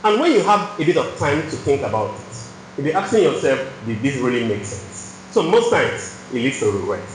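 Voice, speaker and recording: A man's voice: medium pitch, very animated, brisk, a little hiss or hum. A man with a Nigerian accent preaching a sermon in a church hall, telling a personal story and often adding "you know".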